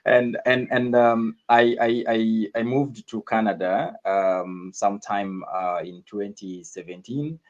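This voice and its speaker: Deep-voiced man, lo-fi. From northern Uganda. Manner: measured, frequent uh fillers and repeated words. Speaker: radio show guest. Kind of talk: conversational interview. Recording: dull lo-fi sound.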